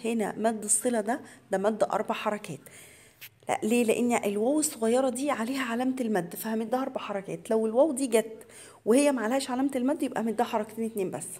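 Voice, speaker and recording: A woman with an Egyptian accent teaching tajweed to beginners. She explains each rule in quick colloquial speech, then recites the words slowly and drawn out. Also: on the high side, mellow. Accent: Egyptian Arabic.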